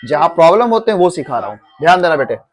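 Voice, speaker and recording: A man with a fairly high voice and wide pitch swings talks quickly while teaching pronunciation in a coaching classroom, with faint music behind him. He drills the class by asking questions and repeating them, calling the students "beta."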